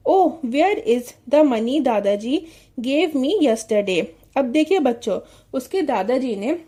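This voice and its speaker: High, mellow-voiced woman teaching children. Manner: reads English lines slowly, then explains with questions to children. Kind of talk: children's English lesson explained in Hindi.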